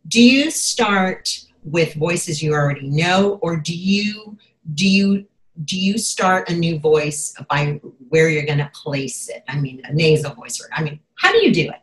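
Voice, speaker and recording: Low-voiced woman co-host. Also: measured pace, low-quality recording. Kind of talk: interview questions.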